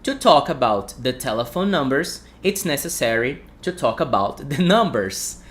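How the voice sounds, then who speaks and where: A man's voice: medium pitch, animated, normal speed, a bit bright. A man from Brazil with a Brazilian accent, a native Portuguese speaker teaching an English lesson on a livestream, repeating phrases for students to echo.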